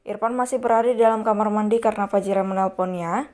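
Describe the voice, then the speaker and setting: A woman's voice: medium pitch, fairly even intonation, quick pace, a little mellow. A woman narrating an audio novel, reading every character in much the same voice. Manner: reads all characters in one voice. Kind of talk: scripted story narration.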